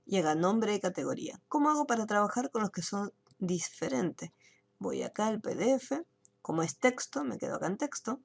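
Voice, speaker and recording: Woman, online software instructor; patient step-by-step delivery, gravelly edge. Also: medium pitch, big pitch swings, moderate pace. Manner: explains step by step, checks in with students. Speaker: computer course teacher. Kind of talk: screen-share software tutorial.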